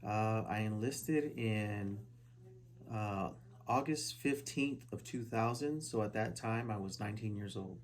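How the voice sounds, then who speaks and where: A man in his forties from Southern California, a veteran answering oral history questions at a relative's house, halting with many fillers and restarts. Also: on the low side. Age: 40s. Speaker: interviewee, Army veteran. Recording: poor quality home recording.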